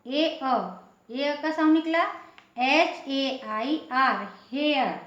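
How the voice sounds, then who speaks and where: A woman's voice: sits high, takes it slowly, fairly bright tone, reverberant, lo-fi sound. A woman teaching spelling and pronunciation rules, spelling words out letter by letter and answering her own questions.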